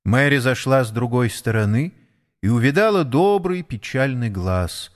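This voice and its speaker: Man, narrator, audiobook reading, expressive, lively intonation, unhurried. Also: mid-range voice.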